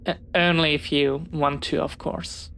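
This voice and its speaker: Heavily acted and creaky but fairly bright, her low voice moves slowly with fairly even intonation as she plays a pirate captain's studious child. The character sounds excited and hopeful about making a friend, speaking carefully and articulately with a little hesitation. It's a one-sided audio roleplay.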